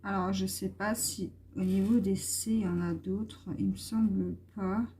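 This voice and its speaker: A woman's voice: mid-range voice, fairly even intonation, measured pace, dark tone, husky. A woman vlogger chatting casually and hesitantly while she colors, with many fillers. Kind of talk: casual coloring vlog chat.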